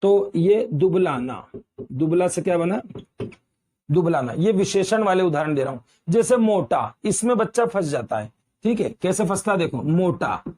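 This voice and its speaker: A man's voice: high voice, lively intonation, normal speed, a little mellow, slightly rough. A man from Uttar Pradesh teaching Hindi grammar at a board, quizzing students and calling them beta. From Uttar Pradesh, India. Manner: addresses students as beta, repeats quiz questions.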